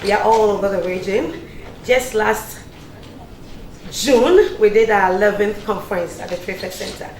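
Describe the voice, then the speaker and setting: A woman's voice: mid-range voice, moderate pace, darkish tone, a little hiss or hum. Woman introducing herself. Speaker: broadcast journalist. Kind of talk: self-introduction. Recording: echoey room.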